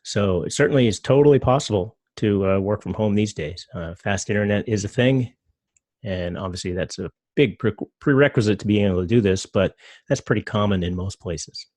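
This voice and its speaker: A middle-aged man giving a relaxed talk, loose and rambling, full of fillers. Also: fairly low pitch, fairly quick, dry recording, studio quality. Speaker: presenter. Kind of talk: casual talk with slides.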